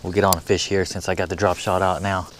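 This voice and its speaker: A young man hosting a casual fishing vlog outdoors on a lake, talking in a hyped, slangy, excitable way into an action camera. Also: deep voice, quick pace, slight background noise. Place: outdoors on a lake, in a kayak and boat.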